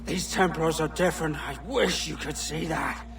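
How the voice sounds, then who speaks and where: Stern gravelly older pirate, slow n accusing, bit far from mic, game scene w music. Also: male voice, a little high. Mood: bitter, reproachful. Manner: reproachful, forceful. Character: stern, disillusioned older male pirate turned adversary. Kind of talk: cinematic video game acting. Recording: distant voice with music behind.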